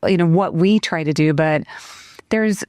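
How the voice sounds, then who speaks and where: A woman's voice: on the low side, a little slow, darkish tone, no room sound, clean studio sound. A woman who owns a restaurant, giving chatty advice as an interview guest with many fillers. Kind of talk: casual interview chat.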